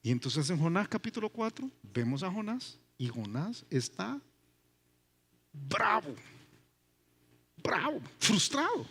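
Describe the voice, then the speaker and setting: Animated pastor preaching emphatically. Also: male voice, sits high, slow pace, long pauses, slightly rough. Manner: animated, emphatic preaching with repetitions and rhetorical questions. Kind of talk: sermon. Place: church.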